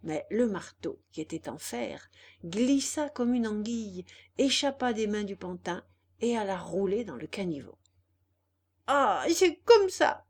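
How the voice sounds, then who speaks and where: A woman narrating a children's story in an expressive, deliberate way. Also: medium pitch, husky. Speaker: audiobook reader.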